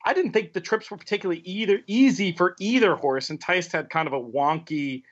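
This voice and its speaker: A man's voice: high voice, animated, brisk, lo-fi sound. A man co-hosting a horse racing podcast, asking probing questions and breaking down races analytically. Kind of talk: casual podcast chat.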